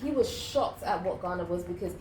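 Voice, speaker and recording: A woman's voice: lowish voice, expressive, fairly quick, darkish tone. A woman in her thirties with a British accent, chatting candidly as an interview guest and acting out what others said. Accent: British English. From United Kingdom. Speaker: guest, YouTuber. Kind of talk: casual interview chat. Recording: roomy with clear background noise.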